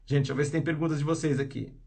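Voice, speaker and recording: A man's voice: a little high, steady tone, racing, gravelly, darkish tone. Rambling man giving advice on a live stream. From Brazil. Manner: rambling, with many restarts and "entendeu?" tag questions. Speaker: English teacher hosting a parenting live stream.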